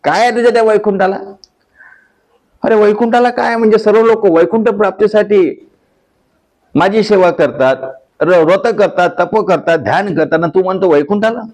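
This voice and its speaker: A man's voice: high-pitched, moderate pace, darkish tone, voice pushed up. A man voicing the saint Namdev as an old devout man who insists on his wish in emphatic refusals. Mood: insistent. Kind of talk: acted dialogue within devotional sermon.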